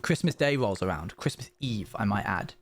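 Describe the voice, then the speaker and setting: A man's voice: fairly low pitch, animated, moderate pace. A young man streaming live, telling rambling stories to his viewers with self-aware asides. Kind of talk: casual chat with viewers.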